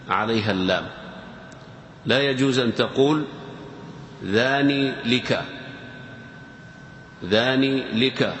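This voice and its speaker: A male teacher giving a formal grammar lecture at a measured pace and an ordinary pitch. Each point and example comes twice, as if for note-takers. His voice carries a long reverb through a large hall, over a faint background hiss. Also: a bit bright. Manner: slow, deliberate, repeats key words and examples. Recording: echoey hall with faint noise.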